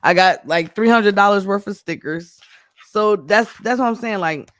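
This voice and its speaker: Excitable man with a dry, close sound. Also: high voice, moderate pace, dry recording. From Midwest US. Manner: chatty and excitable, with animated storytelling. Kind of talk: casual chat.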